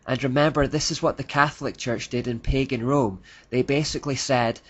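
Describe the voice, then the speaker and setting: A man's voice: medium pitch, fairly even intonation, fairly quick, fairly bright tone, husky, dull audio. A man giving scripted narration in a critical tone, reading out quotes.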